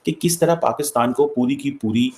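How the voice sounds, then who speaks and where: A man's voice: mid-range voice, moderate pace, a little mellow. A man commenting on a TV segment and explaining his view.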